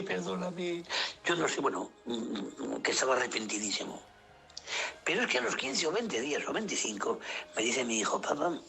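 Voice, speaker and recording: Pastor preaching, gravelly bright voice, goes from whispers to high cries, faint music behind. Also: male voice. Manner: emotional preaching with hushed whispered passages and sudden high cries. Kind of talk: sermon.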